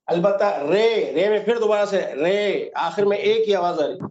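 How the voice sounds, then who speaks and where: A man's voice: high-pitched, a little mellow. A man teaching an online Quran reading class, patiently quizzing students and repeating examples. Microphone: video call. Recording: roomy, dull online call audio.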